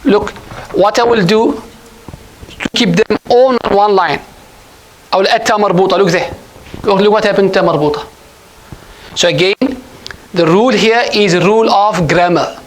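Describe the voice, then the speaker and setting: A man's voice: sits high, normal speed, pauses often, slight background noise, low-quality recording. A man teaching an Arabic grammar class at a mosque, patient and repetitive, often quizzing his students. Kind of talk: classroom lesson.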